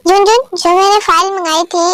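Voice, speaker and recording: A woman's voice: extremely high pitch, fairly even intonation, fairly quick, fairly bright tone, no echo. A woman voicing a stern, controlling middle-aged father and boss who speaks in a curt, commanding way.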